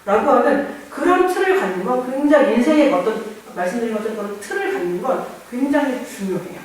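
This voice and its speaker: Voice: medium pitch, animated, quick pace, slight background noise. A pastor giving a conversational sermon, acting out people's inner voices along the way. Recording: very echoey church, far mic.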